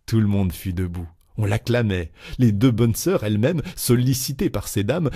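Deep, mellow male audiobook narrator. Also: breathy edge. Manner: measured and expressive. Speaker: audiobook reader. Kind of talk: scripted narration of a classic novel.

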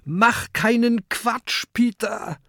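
A man's voice: extremely high pitch, slow pace, gravelly, no echo, clean studio sound, pitched above the performer's own voice, exaggerated voice. A man reading a children's audiobook, voicing a brave young fire dragon who calls out urgently. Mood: pleading.

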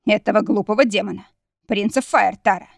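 A woman narrator voicing a sinister ancient spirit that has taken over a male demon prince, speaking slowly with quiet mockery. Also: medium pitch, gravelly, dry recording, clean studio sound, close to an everyday voice. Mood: menacing.

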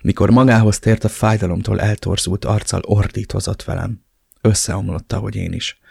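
A man's voice: on the low side, fairly even intonation, vocal fry, darkish tone, breathy edge, dry recording, studio quality. A man narrating a novel in the first person with a dramatic, emotional reading. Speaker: audiobook narrator.

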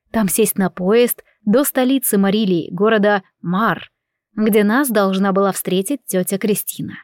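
Woman narrator, first-person audiobook, even and measured; dry, close-miked sound. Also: mid-range voice, dry recording.

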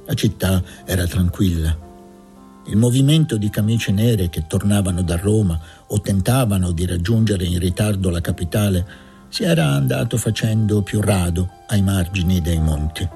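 A man narrating a novel aloud in a measured, expressive reading. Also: deep voice, vocal fry, soft background music. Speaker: audiobook reader. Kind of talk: literary audiobook narration.

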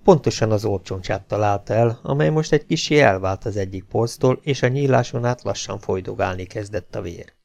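A man narrating an audiobook in a steady, measured way. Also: lowish voice, vocal fry.

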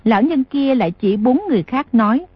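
A woman narrating an audiobook in a steady, measured reading voice. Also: high-pitched, breathy edge, muffled recording. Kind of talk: scripted narration.

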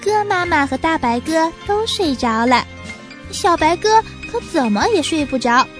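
High-voiced woman reading a children's story. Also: animated, moderate pace, soft background music.

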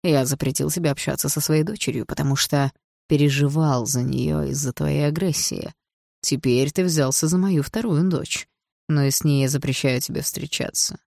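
Женщина читает за скользкого отчима. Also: female voice, low-pitched, fairly even intonation, normal speed, darkish tone, no room sound, studio quality. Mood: smooth. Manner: smooth, wheedling, menacing. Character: slick, scheming stepfather, middle-aged man. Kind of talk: audiobook reading.

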